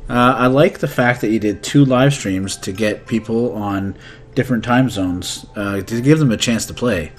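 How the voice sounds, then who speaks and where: A man in his thirties hosts an English lesson as a teacher and video host, acting out conversational skit lines and explaining idioms. His voice sits on the low side and moves at a normal speed.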